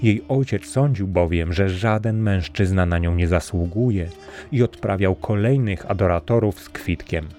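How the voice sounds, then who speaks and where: A man reads a fairy tale aloud in a measured, steady storybook manner. His voice is deep and low. A faint music bed plays underneath. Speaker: narrator.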